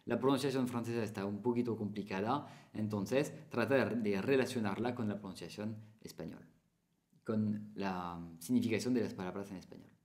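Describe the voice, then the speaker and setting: A man's voice: lowish voice, normal speed, a little mellow. Chatty teacher man. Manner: chatty, repeats phrases, small Spanish slips. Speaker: French teacher. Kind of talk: casual spoken lesson to camera.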